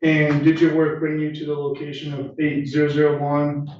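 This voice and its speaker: A man's voice: fairly high pitch, completely flat delivery, normal speed, darkish tone. Male prosecutor in an echoey courtroom recording. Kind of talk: formal courtroom questioning. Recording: echoey courtroom recording, distant muffled mic, noisy.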